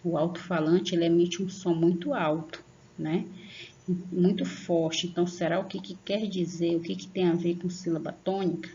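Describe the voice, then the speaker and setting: Gravelly-voiced teacher woman, patiently explaining. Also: fairly low pitch, fairly even intonation, dark tone, muffled recording, a little hiss or hum. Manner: patient, slow and drawn-out on example words, frequent "tá?" check-ins. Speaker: primary school teacher. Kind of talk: online lesson for young children.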